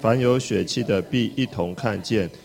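Male reader, deep voice, measured scripture recitation. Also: gravelly, darkish tone. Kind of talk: reading scripture aloud.

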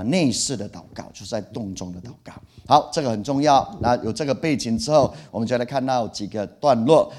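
A middle-aged male pastor preaching in a mid-pitched voice. He is animated and expressive, repeating key phrases for emphasis and voicing feelings through exclamations. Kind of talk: sermon.

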